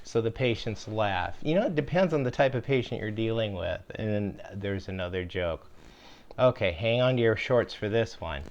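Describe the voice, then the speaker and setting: An older man and homestead channel host telling jokes from his caregiving days in a folksy, rambling way, full of fillers. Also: lowish voice. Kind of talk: casual storytelling.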